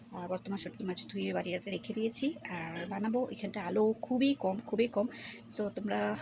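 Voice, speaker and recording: A young woman talks softly through a casual cooking vlog, keeping her voice low so people nearby will not hear. She is recorded without a mic in a dim home kitchen, and clear background noise and household ambience run under her speech. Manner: speaks softly and low because others are nearby. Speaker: cooking vlogger. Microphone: no external mic.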